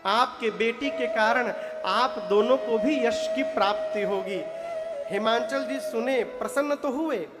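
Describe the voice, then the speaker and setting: In a reverberant hall with faint music and long echo, a man from eastern Uttar Pradesh gives a devotional katha sermon through stories. His voice is very high and his delivery unhurried, and he keeps questioning the audience, answering himself, and bursting into chanted verse.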